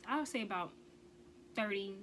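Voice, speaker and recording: The audio is poor with slight background noise, carrying a woman's mid-range, slightly bright voice at normal speed. She's a vlogger recounting a personal story, emphatic and blunt, swearing freely and punctuating points with a rhetorical "okay?"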